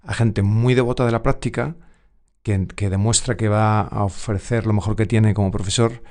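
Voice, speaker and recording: Low-voiced man. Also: steady tone, normal speed, a little mellow. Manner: hesitant, many fillers and restarts while recounting. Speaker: yoga teacher, co-host. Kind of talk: casual conversational storytelling.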